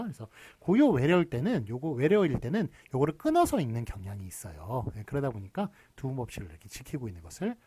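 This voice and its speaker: A man's voice: mid-range voice, a little mellow, slightly rough. A middle-aged man lecturing on spelling rules, explaining step by step and often dropping short "yes" fillers. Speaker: university lecturer.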